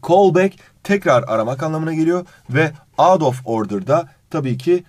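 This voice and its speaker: Animated male English teacher. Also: fairly high pitch, normal speed, dry recording. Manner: reads English phrases, then translates them, addressing the student fondly; animated intonation. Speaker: English teacher for exam prep. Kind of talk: exam review lesson.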